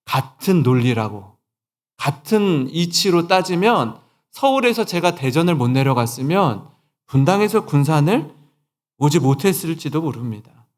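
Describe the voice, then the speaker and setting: A pastor in his forties delivers a sermon in a church, telling a story from his own life and acting out the conversations in it. His voice sits a little high for a man, and his pitch swings widely as he stresses a point. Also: unhurried. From Seoul, South Korea. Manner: storytelling with quoted dialogue, lively emphasis. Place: church sanctuary.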